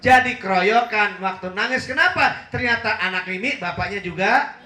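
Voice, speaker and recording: A man's voice: high voice, normal speed, sharp tone. A middle-aged man preaching a humorous sermon to a live congregation, teasing the audience and laughing often. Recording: echoey room with faint hum.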